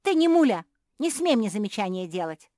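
A woman's voice: medium pitch, animated, normal speed, dry recording, studio quality, pitched above the performer's own voice, natural voice. A woman voicing a spoiled young female pug who shrieks her demands in a petulant way. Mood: furious shouting.

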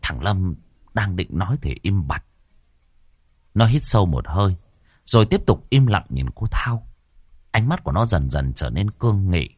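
A man narrating a ghost story in an expressive, dramatic way, close to the microphone. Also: low voice, normal speed, long pauses, husky, no room sound.

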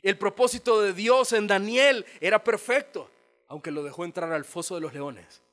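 High-voiced pastor preaching. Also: male voice, normal speed. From El Salvador. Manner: acts out biblical dialogue, lively storytelling. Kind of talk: sermon. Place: church auditorium.

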